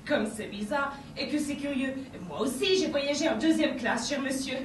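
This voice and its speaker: A woman acting a prim English wife who wonders aloud in a measured, formal way, in an amateur stage play. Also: sits high, distant mic, close to an everyday voice. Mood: wondering. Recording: echoey stage from afar, noisy.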